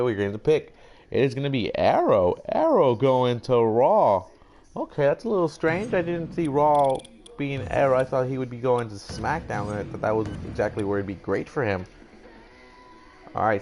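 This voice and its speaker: A young gaming YouTuber with a mid-range, darkish voice gives loose, rambling mock-announcer commentary over a video game draft, swearing now and then.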